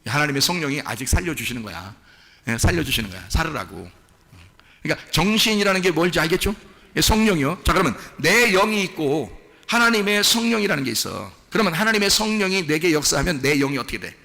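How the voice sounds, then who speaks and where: A pastor preaching a sermon, lively and questioning, often asking the congregation for answers and moving between casual and polite speech. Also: male voice, on the high side, fast talker, creaky. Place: church sanctuary. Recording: echoey hall reverb.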